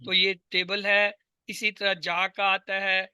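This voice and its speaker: Bright high-voiced male teacher drilling. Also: level tone, smooth, dry recording. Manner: patient drilling, asks and repeats answers. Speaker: Arabic teacher. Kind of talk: online class teaching. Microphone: video call.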